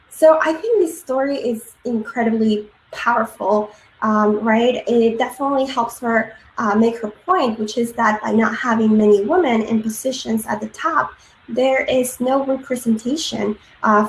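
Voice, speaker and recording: A woman's voice: a little high, moderate pace. Woman, thirties, grew up in Peru; earnest conference speaker, filler-heavy, roomy echo on the recording. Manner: frequent ums and uhs, earnest. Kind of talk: presentation talk. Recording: echoey room with faint noise.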